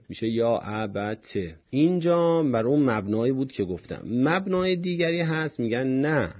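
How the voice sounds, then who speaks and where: Husky man explaining grammar, low voice. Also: lo-fi sound. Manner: explanatory, breaks each point into small steps. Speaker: religious studies teacher. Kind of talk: grammar lesson on Quranic Arabic.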